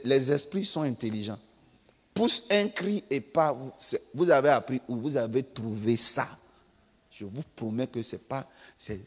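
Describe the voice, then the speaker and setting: A male pastor with an Ivorian French accent preaching a sermon, swinging between loud emphatic outbursts and quiet asides. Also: mid-range voice, breathy edge. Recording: long reverb of a church hall.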